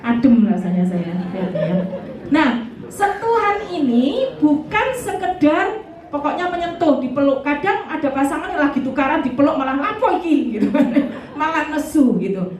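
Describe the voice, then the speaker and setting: East javanese lady preaching to couples, joking around, kinda highish voice, far off mic in a big echoey hall. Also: big pitch swings, moderate pace, a little mellow. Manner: chatty and humorous, asks the audience questions. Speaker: evangelist preaching to married couples. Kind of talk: lively sermon to a couples' fellowship. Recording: echoey hall from far off with faint background noise.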